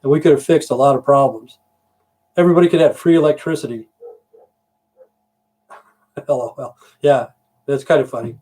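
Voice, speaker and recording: A middle-aged livestream host from Idaho, USA rambles and swears through a casual stream, leaning on "you know" as a filler. His voice is medium-pitched and warm, at a normal speed broken by long pauses.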